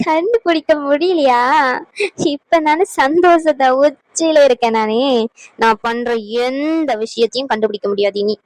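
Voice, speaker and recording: Woman doing a sneaky cartoon schemer, high voice, fake-worried, dead dry sound. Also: moderate pace, darkish tone, no room sound, lightly acted, poor audio. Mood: gloating, sly. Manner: sly gloating asides, fake worry when others listen. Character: scheming woman who secretly plots against a pregnant girl. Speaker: cartoon character.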